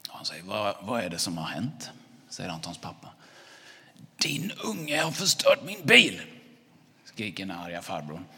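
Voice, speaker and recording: Husky low man telling a story. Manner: relaxed, with fillers and restarts. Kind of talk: storytelling for children. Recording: long hall reverb.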